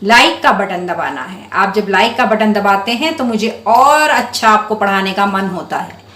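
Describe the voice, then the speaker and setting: A woman teaching young children to read, sounding out syllables slowly and clearly in a patient, encouraging way. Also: mid-range voice, animated, a bit bright, reverberant. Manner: drawn-out syllables for sounding out words. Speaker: primary school Hindi teacher.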